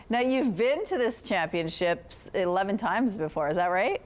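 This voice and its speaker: A woman with a mid-pitched voice hosts a morning news segment. She speaks in a broadcast presenter's style, introducing items and putting questions to a guest. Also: animated, measured pace. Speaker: news show host, interviewer.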